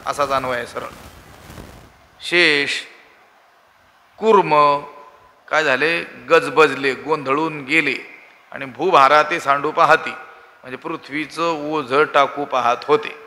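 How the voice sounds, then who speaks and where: Bright-voiced preacher man, hall echo. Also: a little high. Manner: rhetorical questions, sudden loud emphasis. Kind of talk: devotional scripture discourse.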